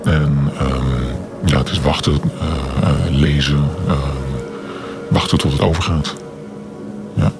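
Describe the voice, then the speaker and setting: A man in his forties being interviewed on radio, his voice disguised by a deep pitch-shift distortion. He talks hesitantly and deliberately, with many filler sounds. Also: fairly even intonation, music in the background. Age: 40s. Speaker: anonymous interviewee.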